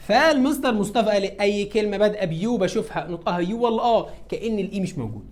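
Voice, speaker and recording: A man's voice: high voice, animated, rapid-fire. A man with an Egyptian Arabic accent teaching an English lesson. He asks questions and answers them himself, and speaks some lines in his students' voices. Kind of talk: classroom lesson.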